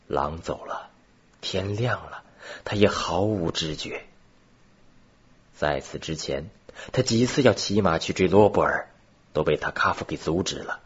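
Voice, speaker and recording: A male storyteller reads a novel with a steady, expressive delivery. His voice is very deep and strongly husky. The sound is dull and lo-fi. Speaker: narrator. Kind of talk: storybook narration.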